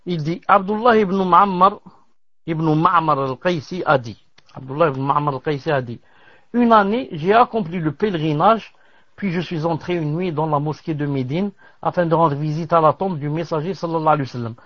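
A man teaching as he reads aloud from a classical religious text, pausing to comment and dropping in Arabic religious terms. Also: fairly high pitch, no room sound. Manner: measured reading with pauses and Arabic religious terms. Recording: dull lo-fi dry recording.

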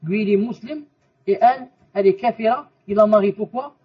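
A man's voice: high-pitched, brisk, husky. A man teaching a religious lesson, explaining by asking questions and repeating the answers, and mixing in Arabic terms and quotations. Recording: muffled voice from a distance.

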